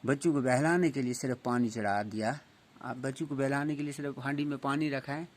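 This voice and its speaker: A man's voice: medium pitch, fairly even intonation, close to an everyday voice. A man reading the part of a poor widowed mother in a storybook, weary and plain-spoken. He keeps close to his own everyday voice.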